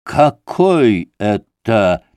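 A man's voice: fairly low pitch, very animated, drawn-out words, a little mellow, clear, resonant tone, dry recording, clean studio sound, heavily acted. A man playing a curt, impatient doctor. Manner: clipped, stressing every syllable. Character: curt, impatient, self-important male doctor.

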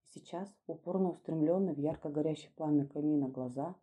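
A woman narrating a classic story in a measured, literary reading. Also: sits low, warm tone, breathy edge.

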